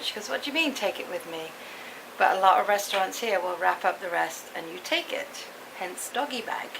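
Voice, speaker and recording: Gravelly middle-aged woman, chatty. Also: lowish voice, background noise. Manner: rambling, anecdotal. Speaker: vlogger. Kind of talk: casual chatty vlog to viewers.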